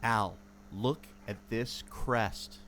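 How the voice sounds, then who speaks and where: With a fairly low pitch, drawn-out words and a somewhat bright, exaggerated voice, a man plays a know-it-all, resourceful ex-mariner in an amateur radio adventure, as a podcast host acting in audio drama. He explains things emphatically in an intrigued, secretive mood, over noticeable ambient background noise.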